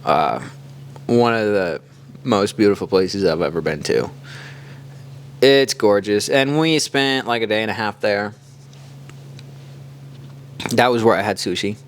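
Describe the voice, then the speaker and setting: Low-voiced kansas city guy rambling through a story on a podcast, super casual. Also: measured pace, long pauses, a little hiss or hum. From Kansas City area, US. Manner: relaxed storytelling, loose with "like". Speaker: podcast co-host. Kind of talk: casual chat.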